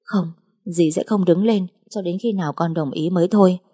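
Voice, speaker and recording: A woman playing a desperate middle-aged mother, tearful and imploring, in an audiobook. Her voice is husky and dark, a little raised when she begs. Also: on the low side, normal speed. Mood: pleading. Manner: imploring, insistent.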